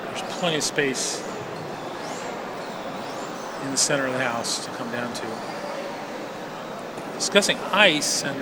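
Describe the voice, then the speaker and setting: A man giving live curling commentary in a measured, understated way with some hesitations. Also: expressive. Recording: very noisy, loud ambient machinery-like rumble.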